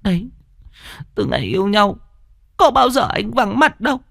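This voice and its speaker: A man's voice: very high-pitched, lively intonation, moderate pace, fairly bright tone, no echo, studio quality, voice pushed up. A man voicing a frightened young village woman who stammers and pleads tearfully. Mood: frightened pleading.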